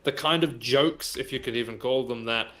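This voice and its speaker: A man in a casual group stream, laying out his argument in a measured way. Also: mid-range voice, sharp tone. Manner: measured, reasoning aloud.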